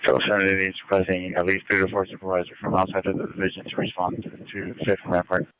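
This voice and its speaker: A man's voice: sits low, completely flat delivery, fast, fairly bright tone, smooth, no room sound, low-quality recording. A man working as a police dispatcher, relaying status reports procedurally over a police radio. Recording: police scanner radio transmission.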